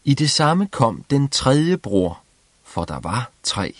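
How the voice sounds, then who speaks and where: Lively male fairy-tale reader. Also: mid-range voice, dry recording. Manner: lively, expressive storytelling. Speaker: storyteller. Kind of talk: reading a fairy tale aloud.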